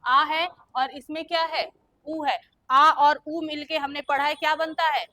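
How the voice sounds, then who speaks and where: A woman's voice: high voice, level tone, a little slow, bright, forceful tone, no room sound. A young woman teaching a grammar lesson, who keeps quizzing her students with questions and then answers them herself. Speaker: Hindi teacher.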